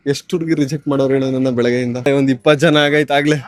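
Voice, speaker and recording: A man's voice: mid-range voice, steady tone, rapid-fire, heavy background noise. A man vlogging outdoors on a shopping street, stopping strangers politely and chatting to his viewers. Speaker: vlogger doing a street challenge. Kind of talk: casual street vlog, talking to camera and strangers.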